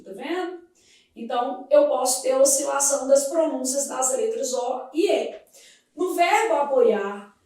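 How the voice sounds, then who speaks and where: Woman teacher going slow over grammar, keeps checking in with the class, sounds far off in a very echoey room. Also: high-pitched, a little mellow. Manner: explains step by step, asks the class quick questions. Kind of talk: classroom lesson.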